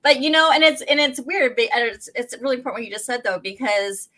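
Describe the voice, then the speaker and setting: A woman's voice: a little high, quick pace, sharp tone, low-quality recording. A woman co-hosting a real estate podcast, talking casually in a rambling way with frequent restarts and laughter, with a Pacific Northwest American accent. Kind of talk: casual chat.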